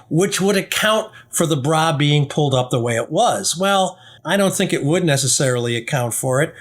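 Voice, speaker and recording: Higher-pitched man, argumentative podcast commentary. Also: fairly bright tone. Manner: argumentative, skeptical, rebutting points with rhetorical questions. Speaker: podcast host. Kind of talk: true-crime podcast commentary on a trial.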